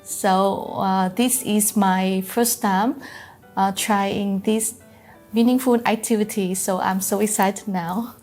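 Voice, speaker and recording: A woman's voice: medium pitch, fairly even intonation, takes it slowly, darkish tone, faint music behind. A woman from Vietnam, an influencer guest introducing herself eagerly. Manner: eager, friendly. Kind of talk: self-introduction.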